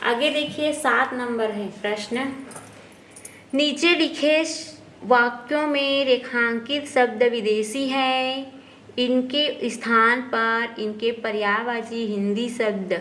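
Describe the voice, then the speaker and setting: Slow, slightly high voiced woman teacher doing a textbook walkthrough, asks n answers herself, faint hiss behind. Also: a bit bright.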